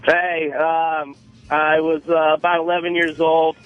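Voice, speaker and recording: A man from Arizona calls in and tells his story plainly, his voice fairly high but flat. It comes through a dull, lo-fi line. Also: a little slow, faint music behind. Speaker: caller.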